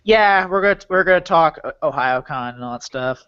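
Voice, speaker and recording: A man's voice: fairly high pitch, expressive, fairly quick, pushed and bright, clean tone. A man hosting a casual podcast, rambling along and often repeating or restarting his phrases. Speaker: podcast host. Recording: dull lo-fi audio.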